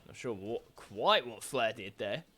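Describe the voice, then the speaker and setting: A man giving excited play-by-play commentary over a wrestling video game, calling each move as it happens with frequent exclamations. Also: medium pitch, measured pace, faint music behind.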